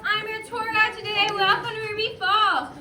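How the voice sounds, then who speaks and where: A woman's voice: very high voice, level tone. A woman tour guide, directing a tour group in an underground cave, her voice echoing off the rock. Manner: directs the group, brisk friendly instructions. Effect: cave echo. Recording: echoey cave, far off, crowd noise.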